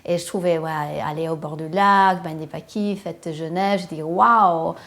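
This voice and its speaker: A woman's voice: on the low side, fairly even intonation, unhurried, a bit bright. Hesitant woman speaking French. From western United States. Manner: hesitant, frequent fillers, searching for words in a second language. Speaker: interviewee. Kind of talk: casual personal account.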